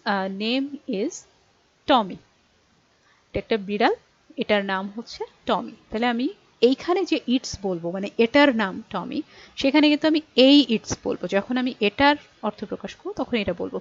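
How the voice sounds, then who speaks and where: A fairly high-voiced woman with a Bangladeshi accent gives a patient exam-prep lesson and reads each English example out slowly. The sound is dry and a little dull. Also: no echo. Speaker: English teacher.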